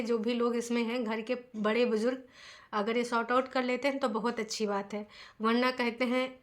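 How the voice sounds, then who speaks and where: A woman vlogger giving opinionated commentary in a chatty way, often posing rhetorical questions to her viewers. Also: on the high side.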